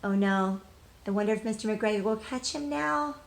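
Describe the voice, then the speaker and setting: With a mid-range voice, some vocal fry and a moderate pace, a teacher reads a storybook to children. She talks to them directly and expressively, emphasizing key words and asking her young audience questions.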